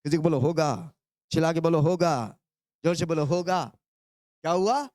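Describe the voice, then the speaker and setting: High-voiced preacher from India, call and response. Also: male voice, quick pace, dry recording, studio quality. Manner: urges the congregation to repeat phrases, shouting hallelujahs.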